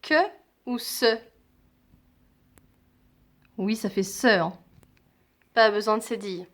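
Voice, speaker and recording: A woman teaching a phonics lesson to young children, speaking deliberately and repeating each sound and example word. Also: mid-range voice, steady tone, a bit bright.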